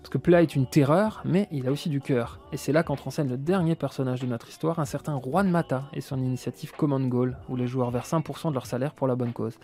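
A man's voice: mid-range voice, a little fast, hardly any pauses, mellow. A man narrating a footballer's story and arguing his case as a pundit, punchy and story-driven. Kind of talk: scripted narration and argument.

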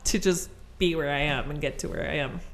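A woman from Chile, a guest in a casual interview, speaking modestly and haltingly with restarts. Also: sits low. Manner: modest, halting, self-deprecating. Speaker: guest photographer.

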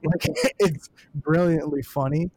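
A man's voice: on the high side, slow pace, a little mellow, slight background noise. A young adult man, a comedian co-hosting a podcast, musing aloud and rambling with many restarts. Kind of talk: casual chat.

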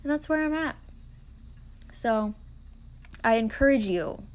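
A woman's voice: on the high side, expressive, slow, a little mellow. A woman in her twenties hosting a casual solo podcast, talking earnestly and encouragingly with lots of filler words. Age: 20s. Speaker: podcast host.

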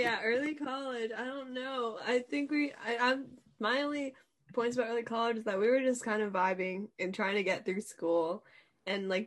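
Breathy teenage girl chatting. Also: medium pitch. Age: teens. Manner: laid-back, lots of fillers. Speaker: student in group chat. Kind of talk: casual chat.

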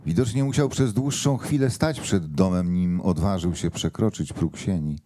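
A man giving a measured, expressive literary reading of a novel at a book launch. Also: low-pitched.

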